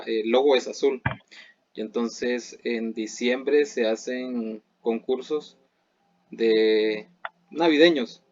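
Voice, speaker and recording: A man asks his teacher a question in a hesitant way, pausing on fillers and starting over. His audio sounds dry and a little dull, as over a call. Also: medium pitch, a little mellow, dry recording. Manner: hesitant, many fillers and restarts. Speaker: student. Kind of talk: asking a question in class.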